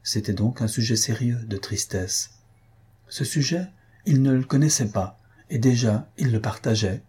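Lecteur à la voix sombre et voilée. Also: male voice, medium pitch, a little slow, warm tone, slightly rough. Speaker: audiobook reader. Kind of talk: literary audiobook narration.

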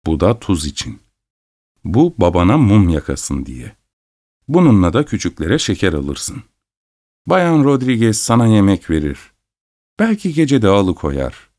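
A man voicing a stern, sharp-tongued farm mother who scolds and gives orders. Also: fairly low pitch, sing-song, a little slow, long pauses. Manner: scolding, commanding.

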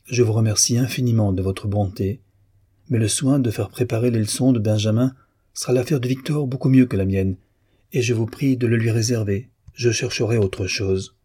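A man voicing a proud, clever young man who answers politely and with quiet confidence. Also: fairly low pitch, moderate pace, breathy edge.

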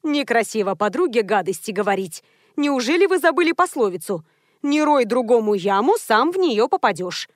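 A strict young border officer lays out the rules in stiff, official wording, as a woman reads her in an audiobook. The voice sits a touch high. The sound is dry and close. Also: big pitch swings, moderate pace, no room sound. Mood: reproachful. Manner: formal, officious phrasing.

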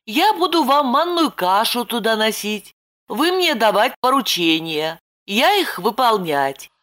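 A woman's voice: big pitch swings, a little slow, fairly bright tone. Woman voicing a jittery pleading young woman. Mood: fretful, pleading. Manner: high, pleading and flustered. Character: anxious fretful young woman. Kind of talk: audiobook character voice.

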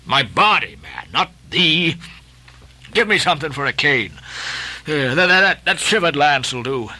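A man's voice: fairly high pitch, big pitch swings, unhurried, bright, forceful tone, exaggerated voice. A man voicing an obsessed old sea captain who barks orders in grandiose, archaic speech. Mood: commanding. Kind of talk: dramatic audiobook reading.

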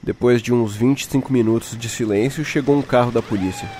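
Brisk and darkish in tone, the mid-range voice comes with a little hiss or hum and a lightly acted delivery. The man plays a young Brazilian shaken by a night-time horror encounter, telling it suspensefully in first person with acted lines. Music runs beneath the ominous, tense mood.

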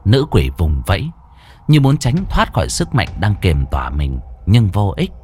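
Expressive male horror storyteller. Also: deep voice, normal speed, slightly rough. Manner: dramatic, expressive reading. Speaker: narrator.

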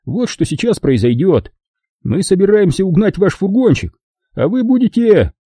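A man voicing a sarcastic American robber from Boston who explains things slowly and patiently. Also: high-pitched, sing-song, dark tone, breathy edge, no echo, clean studio sound, pitched above the performer's own voice, heavily acted. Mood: wry.

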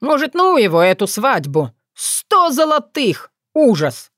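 A woman's voice: medium pitch, animated, a little slow, no echo, clean studio sound, close to an everyday voice. A woman voicing a petty, fussy old tsar in an audiobook, blustering and spluttering over money. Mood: dismayed.

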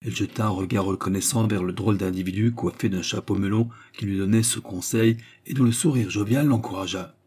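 A man reads a novel aloud in a measured, steady way. His voice is low and dark, with a husky, breathy grain. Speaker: audiobook narrator. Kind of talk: scripted narration of a novel.

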